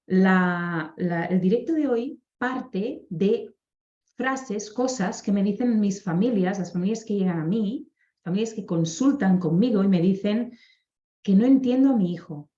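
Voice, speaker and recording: Woman, speech therapist, mellow voice, roomy and slightly dull sound. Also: medium pitch. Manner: explanatory, frequent tag questions. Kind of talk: live stream explanation to parents.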